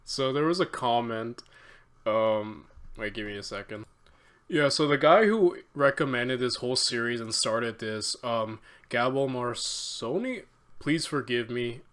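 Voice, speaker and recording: A man's voice: medium pitch, measured pace. Hyped guy rambling over a history vid, lots of likes and laughs. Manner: excitable, chatty, lots of fillers and laughs. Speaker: reaction channel host. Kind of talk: casual reaction commentary.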